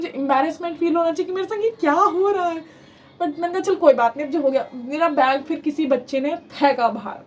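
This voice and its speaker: High-voiced young woman telling a story. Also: slight background noise. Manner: animated, rambling, mixes English phrases into Hindi. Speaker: vlogger telling a personal story. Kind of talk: casual storytime narration.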